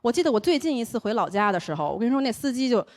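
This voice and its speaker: A young woman from Taiwan who speaks with a Beijing accent, doing an animated stand-up comedy set on a stage and slipping into other people's voices. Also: fairly high pitch, racing. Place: comedy stage before a live audience.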